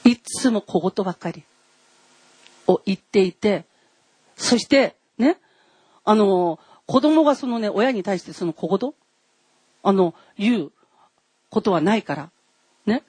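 Husky, animated woman preaching conversationally. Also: mid-range voice, slow pace, long pauses, no room sound. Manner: conversational and explanatory, addressing the congregation with frequent tag particles. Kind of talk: sermon.

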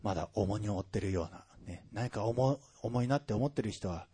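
A man delivers a sermon in a husky, slightly breathy voice. His pitch swings widely as he builds emphasis, then drops back into soft, confiding asides to the congregation. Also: fairly quick. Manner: expressive preaching, frequent "ne" asides and rising emphasis. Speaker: pastor.

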